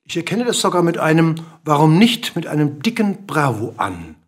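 A man voicing a small grey bird in a storybook reading, with a hoarse, hissing, bossy manner. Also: a little high, very animated, normal speed, pitched above the performer's own voice. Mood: coaxing, lecturing. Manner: insistent, lecturing, bossy.

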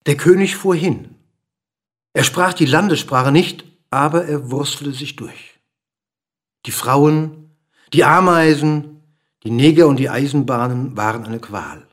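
A man narrating a story aloud in an expressive, lively reading manner. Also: on the high side, measured pace, long pauses.

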